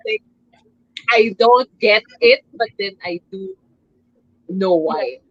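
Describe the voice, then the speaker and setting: A woman's voice: medium pitch, expressive, slow pace, no echo. Woman chatting about books, voice swoops around, muffled lo-fi sound. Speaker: book club member. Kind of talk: casual book chat. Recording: dull lo-fi audio, faint background noise.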